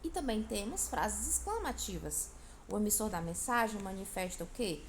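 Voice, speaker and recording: A woman's voice: medium pitch, lively intonation, normal speed, slight background noise. Woman teaching a grammar lesson. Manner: explanatory, checks in with "tá certo?".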